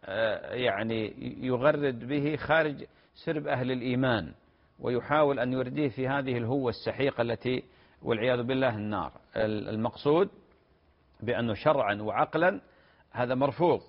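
Gravelly man answering religious questions. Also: medium pitch. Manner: measured explanatory tone, repeats phrases. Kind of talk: religious Q&A program. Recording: dull lo-fi broadcast audio.

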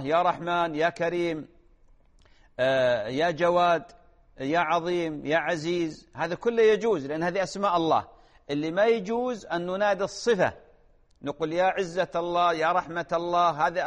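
A man, preaching and answering viewers' questions, earnest and admonishing, then gently reassuring. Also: a little high, big-room sound. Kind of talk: religious talk show answers.

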